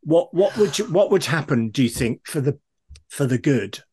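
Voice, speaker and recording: A man's voice: fairly high pitch, expressive, moderate pace, darkish tone, husky. A man interviewing in a conversational way, musing tentatively and restating his thoughts as he goes.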